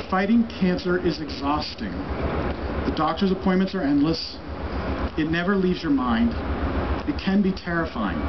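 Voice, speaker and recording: Higher-voiced man giving an earnest acceptance-style speech. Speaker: speaker at a cancer research fundraiser. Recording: dull, muffled audio with clear background noise.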